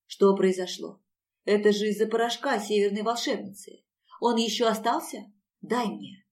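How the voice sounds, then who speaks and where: A woman voicing a devoted, weepy young female advisor who pleads and wails loudly, recorded a little away from the mic. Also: mid-range voice, moderate pace, recorded from a distance, natural voice. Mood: pleading. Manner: loud, pleading and wailing.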